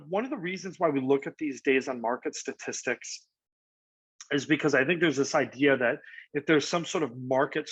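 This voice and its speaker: A man's voice: mid-range voice, fairly bright tone, breathy edge, no echo. A man, a real estate agent casually explaining market charts, with frequent fillers and "right?" asides. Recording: dry, slightly dull lo-fi audio.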